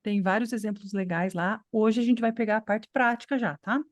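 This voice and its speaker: A woman's voice: mid-range voice, steady tone, normal speed, dry recording. A woman from Brazil teaching an online English class, explaining patiently and checking in with her students. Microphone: computer mic on video call.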